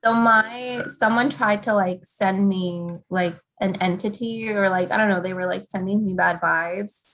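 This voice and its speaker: A woman's voice: medium pitch, steady tone, a little slow, a bit bright, a little hiss or hum, rough recording. Chatty woman in her thirties hosting a live chat. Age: 30s. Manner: chatty, many fillers. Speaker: live stream host.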